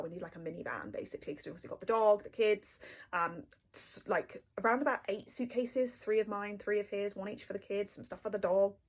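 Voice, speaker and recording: A young woman from the UK telling her story in a casual, breathless rush, with lots of fillers. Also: medium pitch. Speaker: storyteller recounting her marriage.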